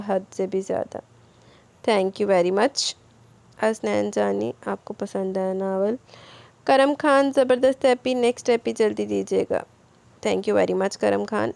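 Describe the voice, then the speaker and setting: A woman's voice: a little high, gravelly, no room sound. A woman, casually reading and answering listener comments as the narrator of an audio novel channel. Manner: warm thanking, chatty replies to listeners.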